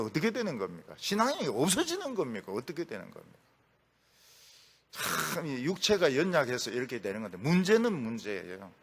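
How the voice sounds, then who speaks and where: A man's voice: fairly high pitch, fairly bright tone, breathy edge. A middle-aged man preaching a sermon as a pastor, telling stories with humor and acting out quotes. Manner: storytelling with acted quotes and humor, voice rising and dropping sharply.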